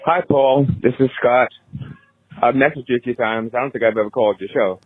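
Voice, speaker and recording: A man's voice: mid-range voice, fairly quick, breathy edge. Man leaving a tinny phone voicemail. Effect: voicemail message over a phone line. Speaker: caller. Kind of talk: casual voicemail.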